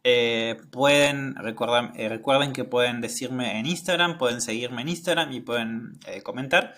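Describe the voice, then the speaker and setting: Hesitant Argentine man, relaxed podcast host. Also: medium pitch, moderate pace. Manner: hesitant and reflective, frequent filler sounds. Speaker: podcast host and Spanish teacher. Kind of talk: casual podcast lesson, reading a text aloud.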